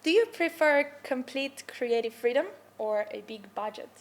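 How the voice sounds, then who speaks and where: A young woman from Slovenia talks in a relaxed, upbeat way, with plenty of "like" and "um". Her voice sits fairly high. She sounds like a creator chatting with a peer. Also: moderate pace. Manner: chatty, filler-heavy, upbeat. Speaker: filmmaker and content creator. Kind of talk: casual conversation.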